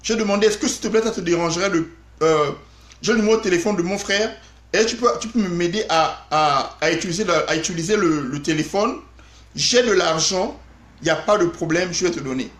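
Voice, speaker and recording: A man telling an animated story on a live stream, talking straight to his viewers. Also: high voice, a little fast, reverberant. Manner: animated, addresses viewers directly.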